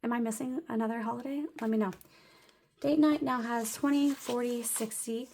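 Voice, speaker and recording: A young woman with a fairly high, darkish voice keeps a steady tone and moderate pace over a little hiss or hum. Slightly out of breath, she narrates a casual vlog of her weekly cash budget, chatting, counting bills aloud and laughing often.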